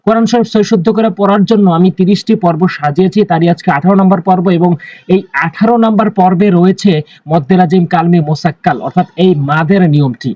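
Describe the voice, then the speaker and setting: Man, Quran reading teacher, fairly high voice, dry slightly dull recording. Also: warm tone, no echo. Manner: spells out letters slowly and drawls vowels; repeats instructions.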